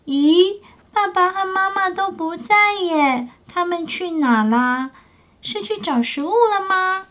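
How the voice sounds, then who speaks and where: A woman doing a tiny scared baby pterosaur, high and childlike. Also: lively intonation, slow, a bit bright, exaggerated voice. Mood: puzzled. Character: small scared baby pterosaur, sweet and kind.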